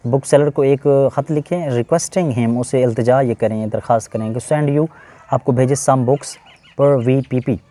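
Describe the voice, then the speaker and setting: A man's voice: medium pitch, a little slow, warm tone. A man with a Pakistani Urdu accent, an English teacher patiently explaining a letter-writing lesson, switching between English phrases and Urdu explanations.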